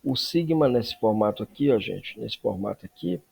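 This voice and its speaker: Man, teacher, classroom lesson, husky, explains step by step. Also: fairly low pitch, animated, darkish tone. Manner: explains slowly with frequent "né?" tag questions. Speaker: Greek teacher.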